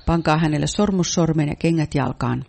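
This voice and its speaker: Mellow man interpreting a sermon. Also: a little high, creaky. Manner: reads out each translated passage steadily.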